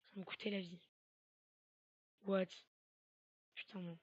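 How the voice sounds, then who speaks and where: A woman giving let's play commentary on a horror game, swearing a lot and breaking into panicky shouts. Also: mid-range voice, flat delivery, a little slow, no echo, lo-fi sound. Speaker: gamer playing a horror game.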